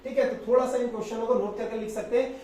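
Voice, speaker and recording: A man teaching as an exam coach, going over practice test answers and spelling words out slowly, with a filler he repeats often. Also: very high-pitched, steady tone, warm tone. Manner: repetitive, drawn-out spelling of words, frequent filler "thik hai". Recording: very echoey room, distant mic, faint noise.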